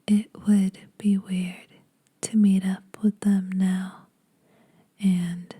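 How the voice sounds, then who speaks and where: A woman voices an ageless vampire in ASMR roleplay, fully in character at a mid-range pitch, teasing mortals while secretly being kind to them. She whispers very breathily, extremely softly and darkly, with an intimate, very slow delivery and little pitch movement. Her mood is wistful and subdued.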